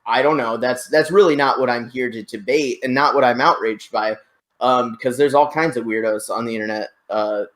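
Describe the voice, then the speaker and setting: A man's voice: mid-range voice, brisk, a bit bright. This is a man in a mid-range voice who hosts a casual debate over a voice call. He explains at length, hedging and circling back as he goes. His speech comes through a plain computer microphone. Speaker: show host. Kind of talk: casual online debate chat.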